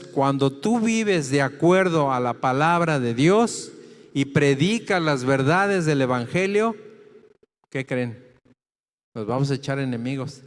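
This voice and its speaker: A man preaching a sermon, slow and emphatic, putting questions to the congregation. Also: mid-range voice, big-room sound. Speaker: pastor. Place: church hall.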